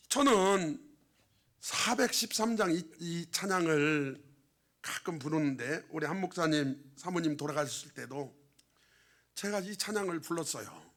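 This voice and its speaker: A middle-aged man preaching a sermon as pastor, telling a story quietly and then exhorting his congregation loudly. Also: fairly high pitch.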